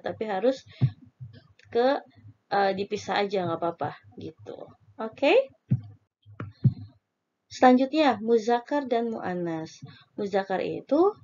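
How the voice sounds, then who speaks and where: Dictating slowly in a spelling lesson, this Indonesian-accented woman draws out example words one syllable at a time. Her voice is medium-pitched and a little mellow, on a lo-fi recording.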